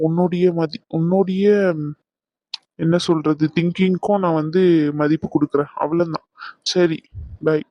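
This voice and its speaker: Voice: mid-range voice, fairly even intonation, moderate pace, pauses often, no room sound, lo-fi sound, natural voice. A voice actor playing a hot-tempered young man in a cartoon, talking bluntly and heatedly. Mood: hurt, earnest. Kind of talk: Tamil cartoon dubbing.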